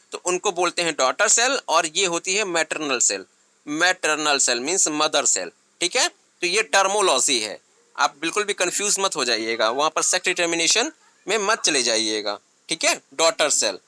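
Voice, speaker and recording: Male biology teacher, bright tone, dry recording, repeats key points, question-and-answer manner. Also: high voice, no room sound. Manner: asks questions and answers them himself, often says "thik hai"; mixes English terms into Hindi. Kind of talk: explanatory online lecture.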